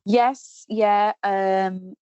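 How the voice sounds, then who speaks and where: The sound is dull but clear and free of echo as a Welsh-accented woman in her thirties, a Welsh speaker, talks extremely slowly in a steady, resonant mid-range voice. In a relaxed interview she tells warm, chatty stories about her career as an actress and singer, stumbling through plenty of ums and restarts.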